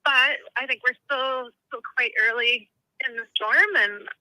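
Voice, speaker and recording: A woman calling in over a speakerphone to give a live report, talking in halting phrases that break off mid-sentence. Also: on the high side, fairly even intonation, pushed and bright, no echo, rough recording. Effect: heard over a speakerphone call. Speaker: caller from a storm area.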